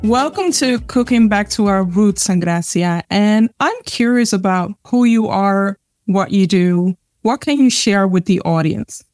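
A woman's voice: mid-range voice, measured pace, few pauses, darkish tone, no room sound, soft background music. A woman podcast host with a mid-range voice talks in a conversational, encouraging way. The recording is dry, with very little room sound. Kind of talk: conversational interviewing.

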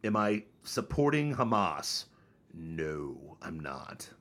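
A man in his thirties rants on a podcast with a husky, slightly breathy voice. His pitch jumps around a lot. He mocks people by mimicking them. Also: slow. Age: 30s. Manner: animated, mocking, mimics others in high voices. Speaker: podcast co-host. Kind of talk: casual opinion chat.

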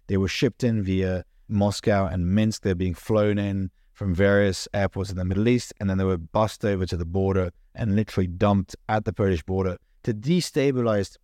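A man's voice: on the low side, a little mellow, no echo, clean studio sound. A man, a podcast guest speaking earnestly and fluently, often restarting his words. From United Kingdom. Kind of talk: podcast interview.

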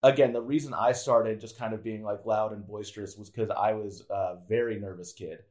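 A man in relaxed podcast conversation, rambling and self-interrupting with lots of filler words, candid and sometimes swearing. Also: fairly low pitch, moderate pace. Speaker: podcast guest. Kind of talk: casual conversation.

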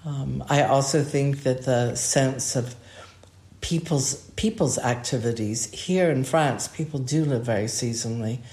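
An older woman, a podcast co-host, musing in a relaxed, rambling way with restarts. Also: very deep voice, measured pace. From United States. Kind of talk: relaxed conversation. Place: home by a fireplace. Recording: roomy echo.

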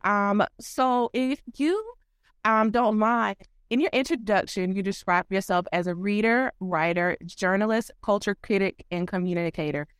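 A woman hosting a podcast who asks measured, polite questions. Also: medium pitch, clean tone, no room sound, clean studio sound. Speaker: podcast host. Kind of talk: interview questions.

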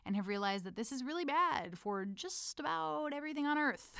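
A woman's voice: high voice, lively intonation, normal speed, creaky, a bit bright, dry recording, clean studio sound. A woman from the United States reading her personal letter aloud, intimate and playful, calling the listener her love. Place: lives in Amsterdam.

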